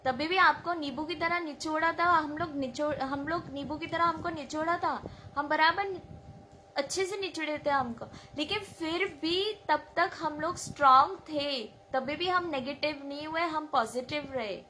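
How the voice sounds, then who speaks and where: A woman in her thirties telling an informal devotional testimony, animated and acting out her own past words. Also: high voice, normal speed, slight background noise.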